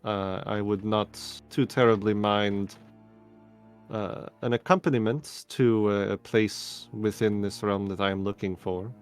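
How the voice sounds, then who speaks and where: A man's voice: lowish voice, fairly even intonation, measured pace, faint music behind, natural voice. A man doing a courteous formal wizard. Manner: formal, old-fashioned phrasing. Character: courteous, formal male wizard, middle-aged.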